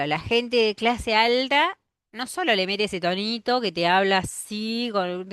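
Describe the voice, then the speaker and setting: A woman teacher with a Rioplatense Spanish accent lecturing a class, explaining step by step, often checking in with a quick "¿sí?" and sounding out example pronunciations. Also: medium pitch, fairly bright tone, dry recording, clean studio sound. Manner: demonstrates pronunciations aloud.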